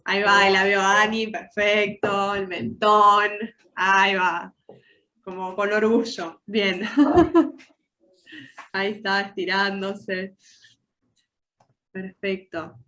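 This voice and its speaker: Her mid-range voice comes across pushed and bright, and also nasal and stuffy from a cold, as this Argentine soft-skills trainer with a Rioplatense accent leads an online workshop. She asks the audience lots of questions.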